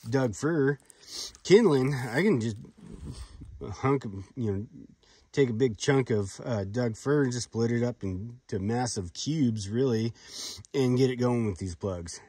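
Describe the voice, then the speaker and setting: A man's voice: mid-range voice, measured pace, long pauses, darkish tone, dry recording. A man giving a casual, unscripted outdoor product demonstration, talking in a hesitant, folksy, rambling way with some swearing. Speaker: product reviewer demonstrating fire starting. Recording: clearly noisy outdoor recording with clicks.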